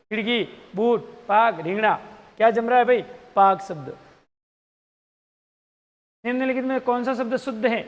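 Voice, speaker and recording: Very high-voiced male teacher. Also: dull audio. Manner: quizzing, repeats answer options aloud. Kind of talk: exam-prep grammar lesson. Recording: long hall reverb.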